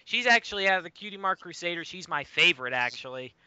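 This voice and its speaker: A man's voice: high voice, expressive, fast talker, pushed and bright, smooth, no echo, highs cut off. A man from Rhode Island with a Boston-like southern New England accent, chatting casually as a podcast co-host. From Rhode Island, USA. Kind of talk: casual fan podcast chat.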